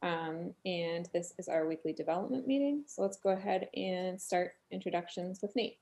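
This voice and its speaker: A woman's voice: fairly low pitch, lively intonation, normal speed, warm tone. A woman hosting a weekly online developer meeting over a video call, upbeat and organized. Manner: upbeat, organized, thanks contributors. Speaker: meeting host.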